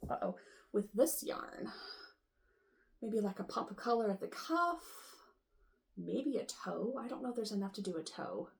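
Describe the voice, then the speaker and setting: A woman hosting a knitting show, sorting yarn and thinking aloud in a casual, unsure way, with a rough morning voice. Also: medium pitch, darkish tone. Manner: musing aloud, unsure, lots of ums and trailing off. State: rough morning voice with the odd cough. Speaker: knitting podcast host.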